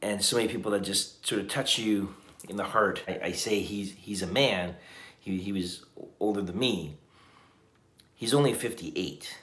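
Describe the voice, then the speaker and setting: This is a man in his fifties, worn out after a long day, chatting casually to his camera from a hotel room at night. The camera sits on a table at arm's length, catching a lowish, fairly bright voice at moderate speed in a reverberant space. He's earnest and reflective, frequently restarting what he says.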